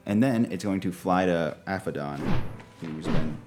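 A man's voice: low voice, unhurried, loud music behind the voice. A man acting as dungeon master, narrating a tabletop game in casual conversational speech.

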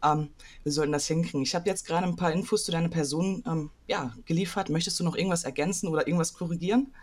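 A woman hosting a podcast interview, brisk and friendly, with a read introduction. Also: low voice, a little mellow. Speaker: podcast host.

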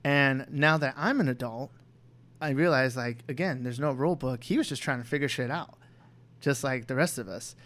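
A man's voice: mid-range voice, moderate pace, fairly bright tone. A young man talking candidly on a podcast, rambling with lots of "you know" and restarts. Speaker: podcast co-host. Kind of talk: candid personal chat.

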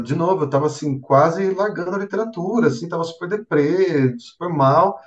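Animated Brazilian man telling stories, slightly distant. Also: on the high side, highs cut off. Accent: Brazilian Portuguese. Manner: animated storyteller, filler-heavy, says "cara" and "assim" often. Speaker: interviewed novelist. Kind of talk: casual interview conversation.

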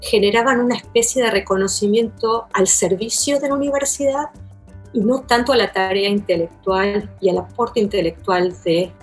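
Soft background music plays as a Buenos Aires literary scholar, speaking porteño Argentine Spanish, gives a long interview. Her mid-range voice is slightly rough and moderately paced, and she reasons elaborately, with frequent restarts and "¿no?" tags.

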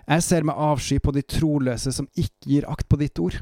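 A man reading psalm verses aloud in a calm, measured way, stopping now and then for short devotional reflections. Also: a little high, no echo, studio quality. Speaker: Bible reader and preacher. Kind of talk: Bible reading with devotional commentary.

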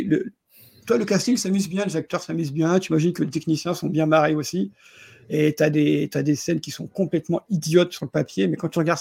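A man's voice: fairly high pitch, vocal fry, darkish tone, breathy edge, dry recording, studio quality. A man chatting casually about films on a podcast, stumbling and repeating his words as he goes. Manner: stumbling, repeats words often, chuckles while talking. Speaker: podcast co-host reviewing films. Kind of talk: casual film review chat.

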